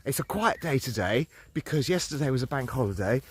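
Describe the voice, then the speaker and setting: A man's voice: mid-range voice, expressive, a little fast, husky. A middle-aged man walking outdoors through fields while filming himself, talking in a playful mock-serious way and a little out of breath. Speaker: vlogger. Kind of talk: walking vlog to camera, mock news report.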